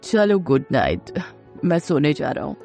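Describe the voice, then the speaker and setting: A tipsy young man mumbles, drowsy and slurred, as a woman narrator puts him on. She drops to a lower pitch for him. Faint music plays under the voice. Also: animated, unhurried, warm tone. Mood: drunk. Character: drunk young man, stumbling and sleepy.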